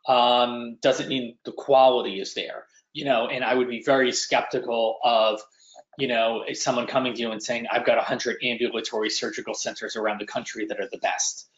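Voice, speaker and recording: Speaking at a moderate pace with medium pitch and little pitch movement, a middle-aged webinar host presents and interviews conversationally, often saying um and restarting. The video call audio comes across roomy and dull.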